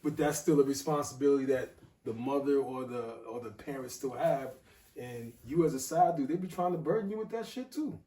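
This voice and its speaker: A man in a casual podcast chat, blunt and emphatic, quick to agree. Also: mid-range voice, warm tone, recorded from a distance. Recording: roomy sound from off mic.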